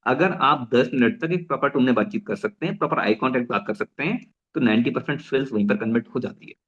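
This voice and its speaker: A young man delivers a rapid, energetic business training talk at a middle pitch. He restarts phrases often and slips English into his Hindi. The recording sounds a little muffled. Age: young adult. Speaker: network marketing trainer.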